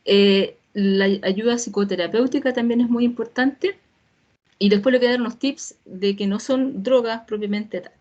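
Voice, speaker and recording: A woman's voice: medium pitch, steady tone, normal speed, a little mellow, lo-fi sound. A woman giving an informal medical talk as a physician, explaining casually and checking in with tag questions like "right?", heard over a video call.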